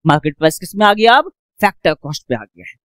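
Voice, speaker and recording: A woman's voice: on the low side, big pitch swings, quick pace, no echo. A woman teaching an economics lesson, repeatedly asking questions and answering them herself, mixing English phrases into her talk. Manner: mixes English phrases into Hindi speech. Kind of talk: classroom economics lecture.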